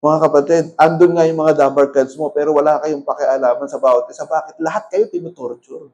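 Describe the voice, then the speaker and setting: A male pastor with a Filipino accent preaches with a high-pitched voice. He presses his points hard, rising into loud questions to the congregation and then dropping to soft asides, all in mixed Tagalog and English. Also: steady tone, brisk, highs cut off. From Philippines. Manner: emphatic, swings between loud appeals and quiet asides, mixes Tagalog and English. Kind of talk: sermon.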